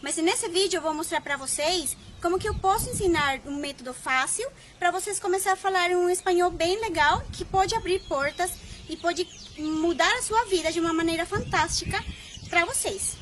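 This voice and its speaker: A woman's voice: extremely high pitch, normal speed, fairly bright tone, a little hiss or hum. A woman from Colombia whose first language is Spanish, a Spanish teacher and researcher in her thirties, chatting to camera and telling stories with quoted dialogue. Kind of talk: casual vlog talk to camera.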